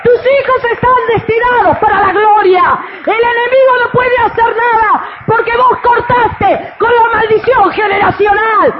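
A woman pastor with a Rioplatense Spanish accent preaches with fervor, her voice sitting high. She bursts into shouted praise, then drops to a quiet, close tone of counsel. The recording sounds a little dull and muffled. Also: heavy background noise. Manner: swings between shouted exclamations and quiet, intimate counsel. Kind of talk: fervent sermon preaching.

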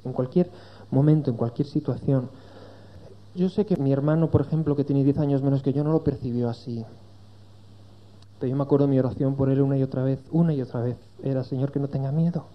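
A man's voice: medium pitch, fairly even intonation, fast talker, muffled recording. A man preaching a sermon to his congregation, earnest and rising to emphatic peaks.

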